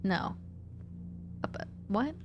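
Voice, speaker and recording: A woman streamer giving casual commentary as she plays a game, talking to her chat with quick jumps in pitch. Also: dull audio, background noise. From rural United States. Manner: animated, talks to chat, quick swings up in pitch.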